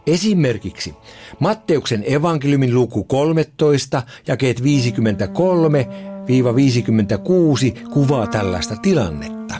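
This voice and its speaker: A man's voice: medium pitch, animated, music in the background. A man giving reflective, explanatory devotional commentary on a Bible passage. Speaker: devotional speaker.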